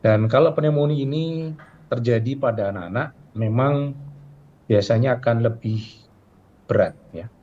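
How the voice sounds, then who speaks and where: A middle-aged man speaks as a health official, walking through his explanation with fillers and questions he answers himself. His voice is mellow and dark. The sound is dull and lo-fi, with a faint hiss behind it. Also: medium pitch, measured pace, long pauses. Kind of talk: explaining in a broadcast interview.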